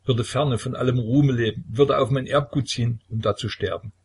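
A man's voice: medium pitch, fairly even intonation, moderate pace, slightly rough, pitched above the performer's own voice. Man reading an anguished young tsarevich. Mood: despairing. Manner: mournful, sighing lament.

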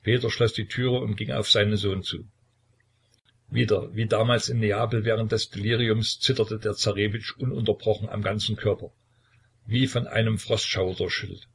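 Male narrator, low and husky, measured dramatic read. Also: steady tone. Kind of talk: scripted audiobook narration.

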